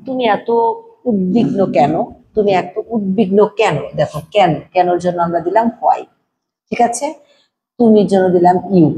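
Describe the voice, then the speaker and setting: A woman with a Bangladeshi accent teaching a spoken English lesson, repeating example sentences slowly and deliberately. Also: on the low side, warm tone, a little hiss or hum, poor audio.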